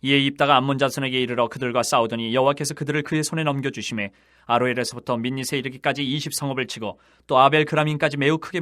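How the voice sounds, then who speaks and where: A man steadily reads scripture in a formal, even recitation. He is sped up to a brisk, rapid pace. The recording is dry and close, with no room sound. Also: medium pitch, no echo. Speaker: Bible reader. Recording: sped up 1.4 times.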